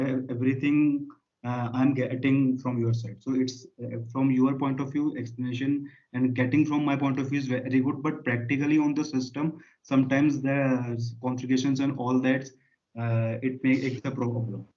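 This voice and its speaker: A man's voice: mid-range voice, level tone, normal speed. A male student with an Indian accent giving hesitant feedback, circling back over his phrases. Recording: muffled online call.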